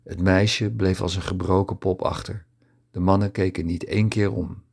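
A man reading a story aloud as an audiobook narrator, steady and measured. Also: deep voice, gravelly, breathy edge. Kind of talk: scripted narration.

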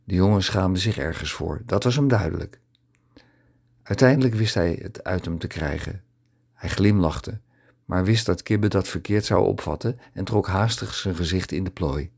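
A man reading a story aloud as an audiobook narrator, steady and measured. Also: sits low, gravelly, slightly rough. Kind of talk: scripted narration.

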